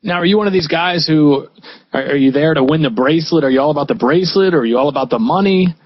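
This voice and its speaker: A man hosting a radio show, firing off quick stacked questions to his guest. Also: on the high side, no room sound. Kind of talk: interview questions. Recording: dry dull radio sound.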